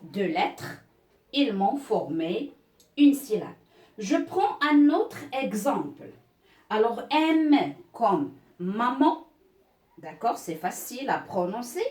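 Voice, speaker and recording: A woman teacher leads a beginner reading lesson, patiently spelling out letters and syllables one at a time. She talks very slowly, with a lively, somewhat high voice. She sounds set back from the mic in a roomy, echoing space. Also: recorded from a distance.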